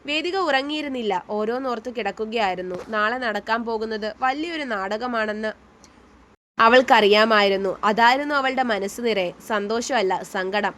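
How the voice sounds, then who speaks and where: A woman's voice: on the high side, fairly bright tone, slight background noise. Woman narrating a serialized love story.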